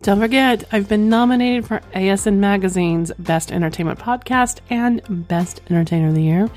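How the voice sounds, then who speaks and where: A podcast host with a medium-pitched, slightly mellow voice speaks at normal speed with faint music behind her. She's candid and flirtatious, first reading a listener's story aloud and then drifting into casual chat.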